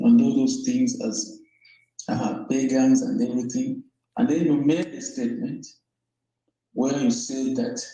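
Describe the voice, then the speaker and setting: A man's voice: mid-range voice, dark tone, heavy reverb, low-quality recording. A man from Zambia calling in to a debate show, hesitant with stumbling restarts but turning heated and accusing. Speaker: caller. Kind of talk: argumentative phone-in debate.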